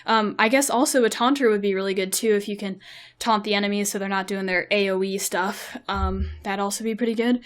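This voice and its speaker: A woman's voice: mid-range voice, fairly even intonation, brisk. A young woman giving casual gameplay commentary and advice, chatty with frequent fillers. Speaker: mobile game video creator.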